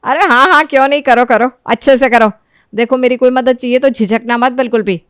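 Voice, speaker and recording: A woman voicing a scolding but supportive middle-aged mother in a cartoon, speaking loudly and emphatically. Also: high voice, a little fast, clean tone, no echo, studio quality, pitched above the performer's own voice. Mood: encouraging.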